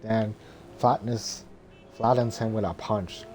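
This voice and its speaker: A man reading a film script as narration in a monotone, droning way, halting and stumbling over words. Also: on the low side.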